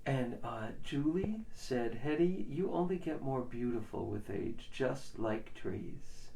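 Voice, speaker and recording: A man co-hosting, reading viewer comments aloud in a slow, lively way. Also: medium pitch, vocal fry, a little hiss or hum. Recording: distant mic, faint room ambience.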